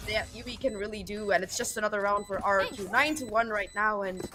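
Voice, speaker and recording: A woman's voice: mid-range voice, fairly even intonation, fast talker, over music. A woman esports caster giving live play-by-play commentary in a dramatic, vivid way.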